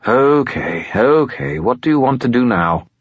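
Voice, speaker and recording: A man's voice: medium pitch, big pitch swings, measured pace, vocal fry, husky, dry recording, dull audio, voice pushed up, full character voice. A man voicing a grumpy, whiny male air spirit living in a skull, complaining as he talks.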